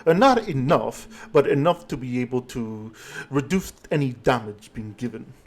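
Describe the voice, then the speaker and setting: A man's voice: medium pitch, animated, normal speed, natural voice. A man voicing a chatty, friendly male ally in a tabletop game, fussing with concerned questions.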